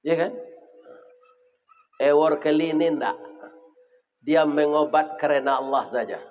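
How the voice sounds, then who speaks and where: A man with a Minangkabau accent, preaching a humorous sermon as animated storytelling with sudden loud exclamations. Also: fairly high pitch, measured pace. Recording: reverberant hall, dull lo-fi sound.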